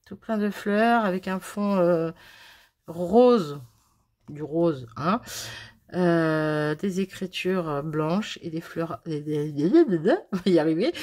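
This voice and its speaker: A woman with a lowish, slightly mellow voice chats casually to her viewers while unboxing craft mail. She's bubbly and pokes fun at herself, gushing over every item. It's recorded on a phone.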